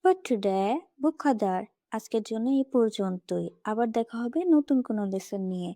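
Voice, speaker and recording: A woman's voice: medium pitch, animated, normal speed, dark tone, dry recording, clean studio sound. A woman teaching a language lesson, carefully explaining grammar examples one by one. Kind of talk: scripted lesson narration.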